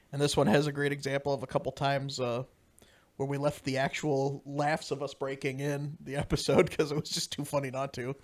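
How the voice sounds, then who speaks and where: A man's voice: medium pitch, flat delivery, moderate pace. A man chatting casually on a commentary track about a comedy series he made, rambling and laughing at himself. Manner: laughing, rambling, self-mocking. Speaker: co-creator commenting on his show.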